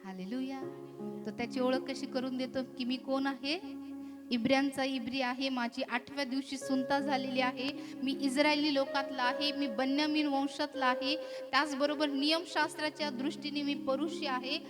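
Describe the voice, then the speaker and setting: A middle-aged woman preacher with a Marathi accent, giving a sermon full of "hallelujah" and "beloved" refrains and swelling into loud, emphatic exhortation. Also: sits high, little pitch movement, moderate pace. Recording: music playing behind the voice.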